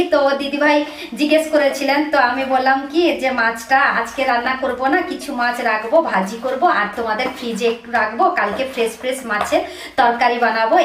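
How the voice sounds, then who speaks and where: A woman vlogging casually at home in the kitchen, chatting to viewers and often asking "you know?". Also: high-pitched. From Bengal. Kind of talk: casual home vlog chat. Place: small home kitchen indoors. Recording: echoey room, faint noise.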